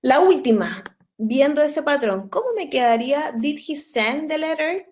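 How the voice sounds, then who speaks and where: A young woman teaching English grammar in an online class, explaining patiently step by step and slowing down to dictate sentences. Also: high-pitched, animated, a little mellow, low-quality recording.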